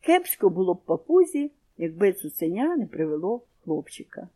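A woman reading a children's story aloud in an expressive storybook manner, then asking comprehension questions. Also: fairly low pitch, normal speed, breathy edge.

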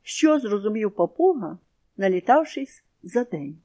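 A woman reads a children's story aloud in an expressive, storybook manner. Her voice moves animatedly up and down, sitting in a middling register for a woman. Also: mid-range voice, a little slow. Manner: expressive storybook reading with comprehension questions.

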